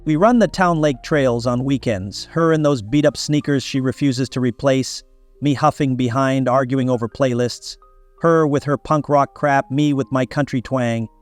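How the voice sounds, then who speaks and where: A man's voice: mid-range voice, moderate pace, no echo, soft background music. Man narrating a wry first-person story.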